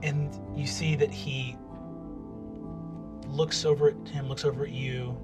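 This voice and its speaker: A man in his thirties running a tabletop game from a studio table as game master, playful, with hushed asides. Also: mid-range voice, level tone, a little slow, loud music behind the voice. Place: tabletop game studio with a large miniature set.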